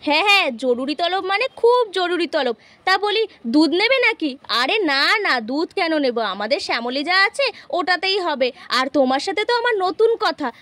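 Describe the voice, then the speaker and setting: A woman's voice: extremely high pitch, sing-song, brisk, fairly bright tone, dry recording, heavily acted. A woman voicing a stern village mother in a toy-house puppet play, scolding her neighbour insistently. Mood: mocking. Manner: scolding, insistent, repeats words.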